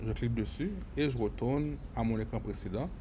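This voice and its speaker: A man giving a screen-recorded software lesson, often repeating words and filling pauses as he explains. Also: medium pitch, a little hiss or hum. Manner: stammering repetitions, many fillers. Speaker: software tutorial instructor.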